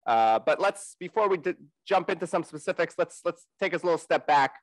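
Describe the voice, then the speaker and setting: A man's voice: a little high, lively intonation, a little fast, dry recording. A male podcast host who asks his guest questions with hesitant filler words. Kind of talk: interview questions.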